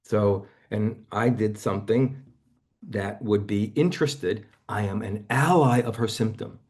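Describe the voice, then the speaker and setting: A man's voice: on the low side, a little slow, a little mellow. A man, a therapist, teaching a seminar in an earnest way and telling stories about clients, often repeating and restarting his phrases.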